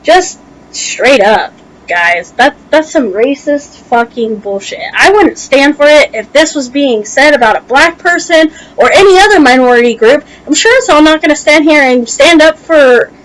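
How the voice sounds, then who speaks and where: Her voice sits high and animated at a moderate pace as this young American vlogger delivers a heated, emphatic reaction rant to camera, swearing casually. Allergies make it difficult for her to talk, and together with a tongue piercing they slightly impede her speech. It's a low-quality recording.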